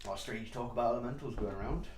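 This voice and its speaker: A man's voice: medium pitch, fast talker, echoey room, a little hiss or hum, pitched below the performer's own voice, natural voice. A man voicing a nervous male dwarf homesteader who hesitates and stumbles over his words. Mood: hesitant. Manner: hesitant, full of ums and uhs.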